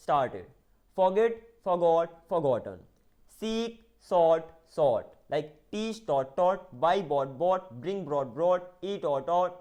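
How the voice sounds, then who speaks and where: High-voiced teacher. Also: male voice, a little mellow. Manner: recites verb forms in a singsong rise and fall; explains in mixed Hindi and English, asking if it is clear. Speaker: English teacher. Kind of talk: online spoken-English class.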